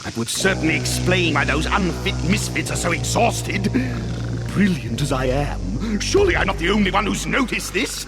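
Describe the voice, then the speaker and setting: A man's voice: high voice, sing-song, moderate pace. A man voicing a pompous, hot-tempered reptile king, a scheming cartoon villain with a grandiose, theatrical, blustering delivery. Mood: sly, pleased. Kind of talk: animated cartoon villain acting. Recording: cartoon soundtrack with loud music behind.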